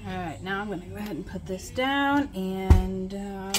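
A woman's voice: medium pitch, normal speed. A woman casually talking through her cooking in a home kitchen, thinking aloud as she works. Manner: relaxed, thinking aloud while working. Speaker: home cook vlogger. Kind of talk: casual cook-with-me narration. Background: loud background music.

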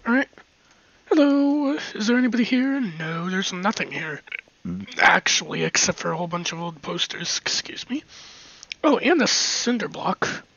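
A bright, breathy voice rambles through a casual let's-play, slipping into muttered whispers and little giggles between remarks. The recording sounds a bit dull and lo-fi, and the delivery is slow and unhurried. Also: mid-range voice, expressive, no room sound. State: hiccups. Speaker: gameplay commentator.

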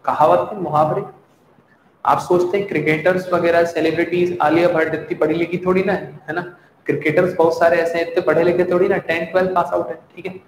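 A man's voice: on the high side, little pitch movement, a little fast, slight background noise. A young man teaching a spoken-English class with a Hindi accent, chatty and reassuring, drilling pronunciation by having students repeat words. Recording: echoey room with long reverb.

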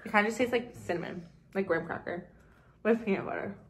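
A woman's voice: mid-range voice, fast. A woman co-hosting a casual taste test, chatting while chewing a cookie and often filling her speech with "like". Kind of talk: casual chat. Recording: noisy with clicks.

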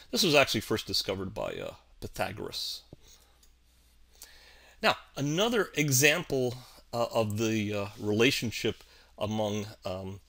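A man narrating a video tutorial, slow and halting, with many ums and uhs. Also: medium pitch, pushed and bright. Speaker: animation physics teacher.

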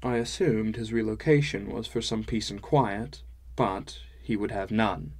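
Man narrating in a measured, wry voice. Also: lowish voice, steady tone, darkish tone. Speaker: audiobook narrator. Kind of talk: scripted first-person narration.

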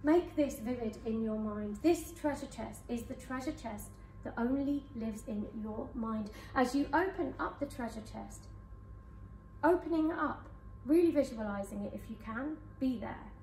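A woman hypnotherapist leading a guided hypnosis session for a live audience in a conference room, speaking in slow soothing suggestions. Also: on the high side, a little mellow, a little hiss or hum. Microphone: far camera. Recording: echoey room from far off.

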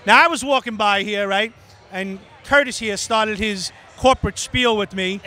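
Holding a handheld mic in an indoor trade show booth, this show host and reviewer from New York runs casual interviews over the din of a noisy convention hall. He's a middle-aged man with a Brooklyn accent, brash, chummy and emphatic. His voice is high, pushed and bright, at a moderate pace.

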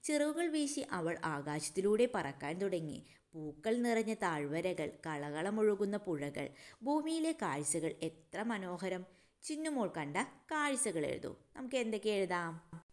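A woman's voice: mid-range voice, very animated, measured pace. A woman teacher going through exam answers for young children, asking questions and answering them herself, with English words mixed in. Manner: mixes English words into her talk.

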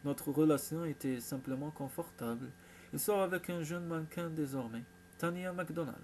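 Un homme qui lit un roman et fait la voix d'une jeune femme présentatrice de télévision, posée et un peu sur la défensive. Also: male voice, a little high, moderate pace, a little mellow, a little hiss or hum, close to an everyday voice. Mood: posé. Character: young woman TV presenter, composed.

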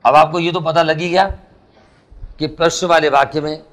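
A man's voice: fairly high pitch, fairly even intonation, moderate pace, fairly bright tone. Male teacher, lecturing a classroom, chatty storyteller. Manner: explains in Hindi with English phrases, quizzes students. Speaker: English teacher. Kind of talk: classroom lesson with anecdotes.

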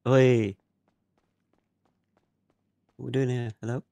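A man's voice: mid-range voice, flat delivery, slow, vocal fry, dark tone, no room sound. A young man hosting a game stream, joking and greeting viewers in casual banter. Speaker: streamer host.

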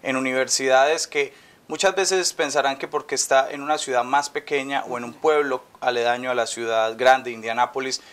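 Male TV host, 30s, upbeat and welcoming, mid-pitched voice, lapel mic. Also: steady tone, moderate pace, a bit bright. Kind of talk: TV interview hosting. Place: office, indoors.

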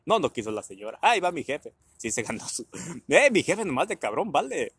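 A man from Guerrero with a Mexican Spanish accent tells family anecdotes casually, laughing often, using crude slang and acting out voices. His fairly high, fairly bright voice is sing-song and brisk with a breathy edge, and there's no echo.

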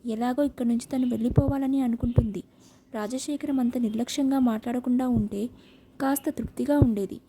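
A woman narrating an audiobook novel with a steady, expressive reading. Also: fairly high pitch, brisk, slight background noise.

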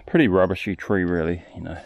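A man casually explaining his work at an outdoor sawmill yard, recorded on a head-mounted camera, relaxed and thinking aloud. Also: sits low, fast talker. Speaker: sawmill operator. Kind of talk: casual first-person narration. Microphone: head-mounted action camera.

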